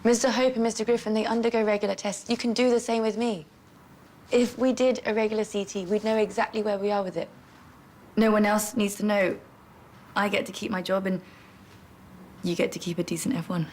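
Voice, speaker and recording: A determined junior doctor in a hospital drama, played by an actress, with a mid-pitched voice. She is earnest and insistent, pleading her case. Faint noise sits behind her. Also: fairly even intonation, a little fast, a little mellow, natural voice. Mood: insistent, challenging. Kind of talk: scripted TV drama dialogue.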